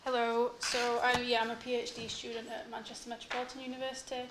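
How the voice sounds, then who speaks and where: Even-pitched young woman presenting, echoey. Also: fast. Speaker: PhD student presenting research. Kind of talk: academic conference presentation. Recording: echoey room with faint noise.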